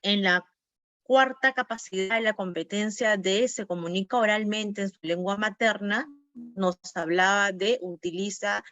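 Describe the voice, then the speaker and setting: A woman's voice: medium pitch, steady tone, measured pace, fairly bright tone. A woman teaching an online class for teachers, going over quiz answers, naming students and repeating key words. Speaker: teacher training instructor.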